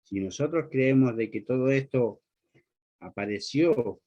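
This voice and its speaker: A man's voice: medium pitch, unhurried, dark tone. Earnest male preacher, dull lo-fi recording. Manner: addresses the listener directly with rhetorical questions. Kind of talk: sermon.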